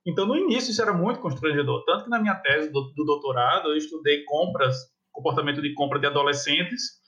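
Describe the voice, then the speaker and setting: A Brazilian man in his thirties, chatting casually as a podcast guest and telling animated stories, acting out quotes with laughs. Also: on the high side, fast, dull audio. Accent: Brazilian Portuguese.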